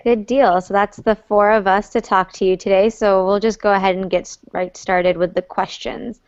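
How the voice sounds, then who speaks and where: Smooth-voiced young woman moderating questions. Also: medium pitch, steady tone, moderate pace, dry recording. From North Carolina, USA. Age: young adult. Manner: friendly, organized, reads out questions. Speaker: student moderator of a Q&A. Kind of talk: online Q&A session. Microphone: video call. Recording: slightly muffled video call audio.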